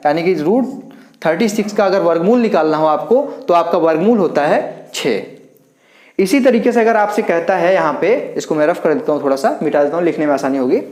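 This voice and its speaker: A man's voice: fairly high pitch, a little fast, darkish tone. A man teaching a maths lesson, talking students through each step and counting aloud as he writes. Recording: roomy echo.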